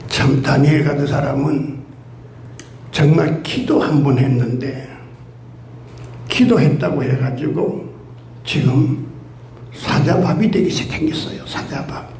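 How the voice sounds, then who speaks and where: A man's voice: on the high side, a little slow, creaky, pauses often, darkish tone, a little hiss or hum. A man preaching a sermon as pastor, telling stories and acting out the voices of grumbling crowds. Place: church sanctuary. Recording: echoey church hall.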